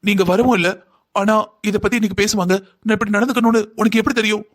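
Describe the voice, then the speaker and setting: A voice actor playing an agitated elder sister in a cartoon, scolding and confronting. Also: female voice, medium pitch, steady tone, fast, lightly acted. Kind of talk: cartoon voice acting.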